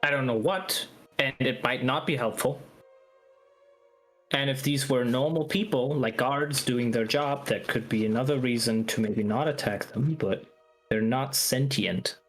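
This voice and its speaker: A man's voice: medium pitch, a little slow, faint music behind. A man talking casually as a player in a tabletop role-playing game.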